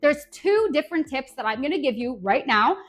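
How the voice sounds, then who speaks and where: Upbeat high-voiced woman dance coach. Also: expressive, brisk, fairly bright tone. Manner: upbeat, coaching, counts beats aloud. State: out of breath at times. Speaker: dance instructor. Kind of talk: energetic tutorial teaching.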